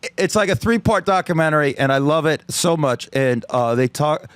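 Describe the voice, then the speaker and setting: A man on a podcast, telling stories in a loose, animated way, acting out quotes and swearing freely. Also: fairly high pitch, moderate pace, smooth, no echo. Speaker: guest comedian. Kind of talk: casual podcast chat.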